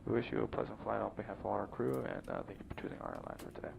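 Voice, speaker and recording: A man's voice: on the low side, fairly even intonation, racing, gravelly. A man voicing an airline captain who gives a routine welcome from the flight deck over the cabin PA, played as a sound clip. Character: male airline captain making a calm cabin announcement. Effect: cabin PA announcement from the flight deck. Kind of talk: scripted captain's welcome announcement. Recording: distant, noisy PA sound clip.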